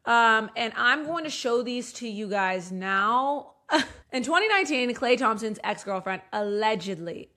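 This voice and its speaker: A woman's voice: a little high, a bit bright. A woman hosting a casual live show, giggling and swearing as she reads aloud with running asides. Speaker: podcast host.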